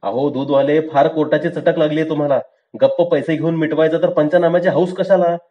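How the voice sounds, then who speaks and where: A man's voice: fairly high pitch, little pitch movement, brisk, dull audio, voice pushed up, close to an everyday voice. A man voicing a lazy but shrewd small-town police constable, offhand and bossy.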